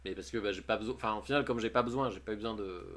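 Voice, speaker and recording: A man's voice: on the low side, rapid-fire, fairly bright tone. A man chatting casually on a livestream, reading posts aloud and commenting on them with jokes and frequent laughs. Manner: chatty, jokey, often laughing. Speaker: streamer.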